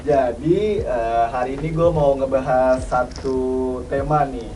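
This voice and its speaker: A man hosting a casual interview, asking quick joking follow-up questions. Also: mid-range voice, steady tone, mellow, recorded from a distance, soft background music, low-quality recording. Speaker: interviewer host.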